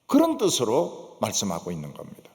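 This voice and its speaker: Animated Gyeongsang-accented preacher man. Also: fairly low pitch, brisk. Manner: animated, emphatic, rhetorical questions, frequent "yes" affirmations. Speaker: pastor. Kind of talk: sermon. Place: church sanctuary. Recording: long church reverb.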